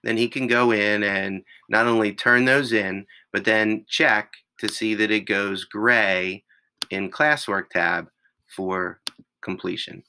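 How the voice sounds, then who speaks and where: A male teacher with a raspy voice, patiently walking students through an online classroom step by step. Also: lowish voice, bright, forceful tone, low-quality recording. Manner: slow, patient step-by-step explaining. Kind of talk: screen-recorded class tutorial.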